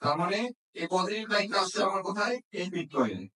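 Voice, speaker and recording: In an echoey room, picked up by a distant mic, a high-pitched male phone repair instructor gives a hands-on classroom demonstration. His voice swings widely in pitch, sounds bright and forceful, and moves fast. He checks understanding with frequent questions.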